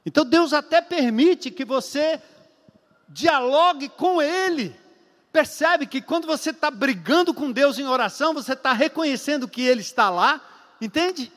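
A man preaching a sermon as a pastor, emphatic and repetitive, with long pauses and rhetorical questions. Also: very high voice, expressive, a bit bright, in a large hall.

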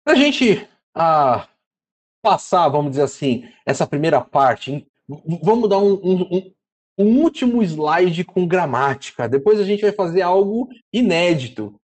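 A man teaching a casual lesson, chatty and spelling out syllables slowly. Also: sits high, lively intonation, darkish tone. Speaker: Greek teacher.

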